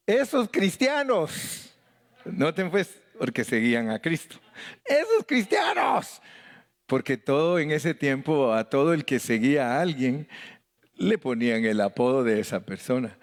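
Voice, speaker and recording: Mexican-accented male pastor, middle-aged, folksy Bible teacher who jokes and mimics voices, mid pitch. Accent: Mexican Spanish. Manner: folksy and joking, mimics voices, calls out to the congregation. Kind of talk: Bible study sermon.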